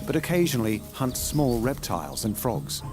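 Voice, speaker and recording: A man narrates a nature documentary over clearly audible music. His pitch sits in a medium range but moves expressively, rising and falling to give the scripted lines a measured sense of drama. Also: sing-song. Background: background music.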